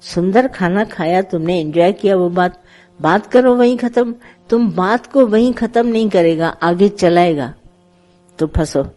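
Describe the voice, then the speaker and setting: A woman giving a satsang sermon, teaching in a conversational, gently instructive way and telling parables with acted dialogue. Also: mid-range voice, a little slow. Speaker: spiritual teacher.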